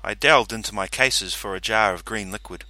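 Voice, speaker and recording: A man narrating a short story in a steady, measured audiobook reading. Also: on the low side, no room sound. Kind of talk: scripted narration.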